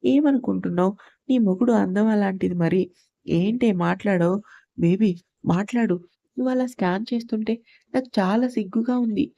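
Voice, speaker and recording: A woman's voice: medium pitch, moderate pace, gravelly, warm tone, no echo. A woman voicing a stern young husband who talks bossily and teases his wife in a storybook reading. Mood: teasing.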